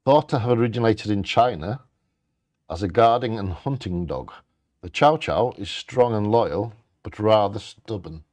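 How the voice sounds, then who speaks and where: A man with a fairly low voice hosts bingo, reading out facts in an informal way. The sound is dry and close. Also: expressive, a little slow, darkish tone, no room sound. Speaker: co-host of a live bingo game. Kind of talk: bingo host reading out facts, with casual asides.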